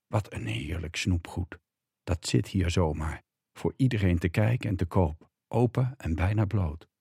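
A man's voice: deep voice, lively intonation, a little slow, gravelly, mellow, slightly rough, dry recording, clean studio sound, heavily acted. Man doing an offhand middle-aged husband. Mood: musing. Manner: dismissive, matter-of-fact.

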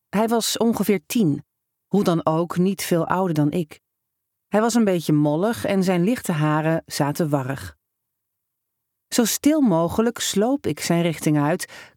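A storyteller giving a steady, measured first-person story reading, close to the mic. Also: mid-range voice, dry recording.

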